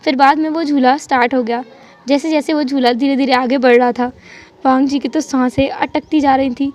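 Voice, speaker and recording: A woman telling a fan fiction story in an animated, dramatic way. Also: high voice, fairly quick. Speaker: channel storyteller.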